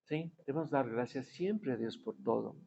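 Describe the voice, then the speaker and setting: A man's voice: medium pitch, lively intonation, normal speed, creaky, mellow, slight background noise. A man preaching a sermon in a conversational tone, often asking his listeners to agree and acting out the voices in his stories. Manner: acts out quoted voices in his story. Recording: dull lo-fi recording.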